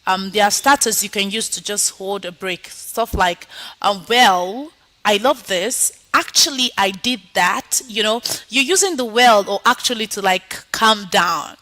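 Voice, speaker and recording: Over a video call with poor audio, a woman teaches an online IELTS speaking lesson, coaching students before running a mock exam. She is encouraging and keeps asking "okay?", her medium-pitched voice bright and forceful, and a little slow.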